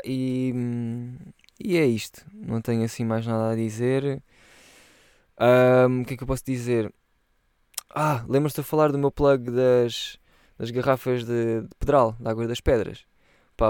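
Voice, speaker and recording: A man's voice: mid-range voice, a little mellow, clear, resonant tone, no room sound, clean studio sound. A young man chatting casually on a solo podcast, rambling in loose slang and swearing freely. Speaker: podcast host.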